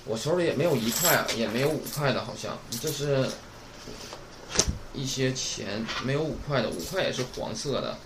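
A man's voice: mid-range voice, animated, normal speed, heavy background noise. A man, teaching an online class. He is chatty and keeps asking the class "right?". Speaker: Japanese teacher.

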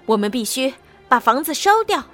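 A woman voicing a bossy male rabbit master who shouts out orders. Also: high voice, expressive, moderate pace, faint music behind. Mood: commanding. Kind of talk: storybook reading.

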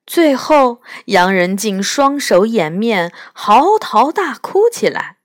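Slow, expressive woman reading a storybook. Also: on the high side, no echo, clean studio sound.

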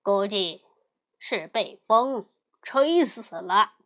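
A woman's voice: expressive, fairly bright tone. A woman voicing an arrogant male demon king in a children's storybook, boastful and drawn out. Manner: boastful, deep-voiced, drawn-out. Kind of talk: storybook reading.

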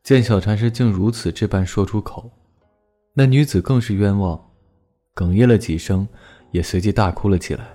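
A man tells a ghost story in a measured, dramatic voice. His tone is low and mellow. A faint plucked guitar plays behind him. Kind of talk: scripted storytelling narration. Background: faint guitar music.

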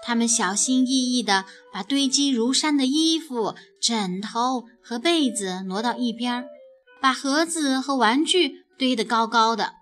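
A woman narrating a children's story in an expressive, animated way. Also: on the high side, unhurried, faint music behind.

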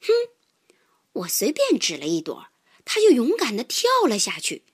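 A woman telling a children's story in the first person, with expressive sighs. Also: mid-range voice, moderate pace, husky.

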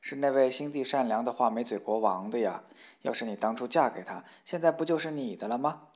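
A man's voice: mid-range voice, fairly quick, natural voice. A ragged wandering minstrel from a fairy tale, blunt and matter-of-fact with his wife, as a man plays him. He talks close to the narrator's own everyday voice. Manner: plain, blunt.

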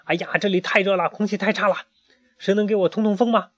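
A man voicing a lively, easily flustered young female duck who exclaims a lot, on a muffled recording. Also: sits high, quick pace, dry recording, voice pushed up.

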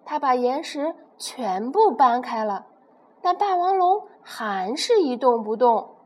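High, lively woman reading a children's story. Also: slow pace. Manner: expressive, with sound words.

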